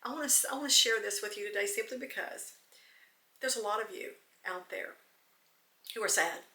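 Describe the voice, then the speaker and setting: This podcast host's devotional talk is earnest and tearful; she's close to choking up and repeats phrases to drive points home. Her mid-range voice moves at normal speed, bright and forceful, recorded off-mic by a camera far away in an echoey room.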